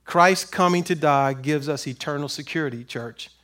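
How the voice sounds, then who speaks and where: Male pastor, high voice, emphatic call-and-response preaching. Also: normal speed, a bit bright. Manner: call-and-response questions, rising to emphatic peaks. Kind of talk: sermon.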